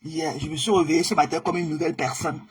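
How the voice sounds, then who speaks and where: A woman hosting a casual live stream, chatting warmly with viewers and greeting them by name, often repeating herself. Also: low voice, fairly even intonation, fast talker, breathy edge. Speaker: livestream host.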